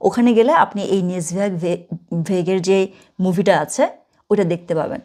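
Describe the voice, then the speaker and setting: Woman, online German teacher, slow careful explaining, frequent check-ins. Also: mid-range voice, mellow. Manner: code-switching teacher, checks in with "ঠিক আছে?" often; slows down and spells out German words. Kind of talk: online language lesson.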